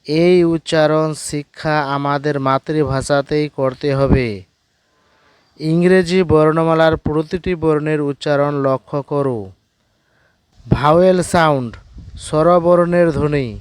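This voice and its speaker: A man teaching English letter sounds in a slow scripted lesson, spelling each word letter by letter. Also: on the high side, steady tone, clean tone, no echo.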